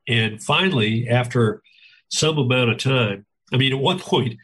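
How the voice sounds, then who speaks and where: A husky male voice tells an insider's story in an interview, slipping into the voices of the people he quotes. He keeps it conversational and vivid. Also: medium pitch, unhurried, fairly bright tone, low-quality recording. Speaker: former presidential aide. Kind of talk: interview recollection.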